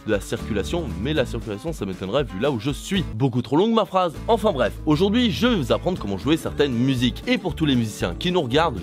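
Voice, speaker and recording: Chatty young man teaching guitar outdoors. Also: mid-range voice. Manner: chatty, self-mocking, rambling asides. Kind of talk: casual guitar tutorial. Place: outdoors on holiday. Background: guitar playing.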